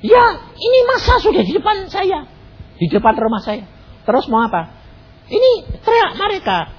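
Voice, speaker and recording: A man voicing a terrified believer who pleads for help in a shrill, tearful way. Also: wildly swooping pitch, normal speed, muffled recording, exaggerated voice. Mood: panicked pleading. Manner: shrill, pleading, near tears. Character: panicked frightened believer begging for help.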